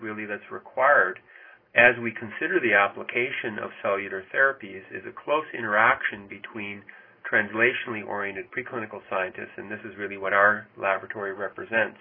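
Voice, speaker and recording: A man with a fairly low voice speaks as an expert guest over a tinny, band-limited phone line. His delivery is measured and academic, with formal, articulate sentences and deliberately drawn-out words. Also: breathy edge. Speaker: researcher and article author, podcast guest. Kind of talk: measured academic explanation in a discussion.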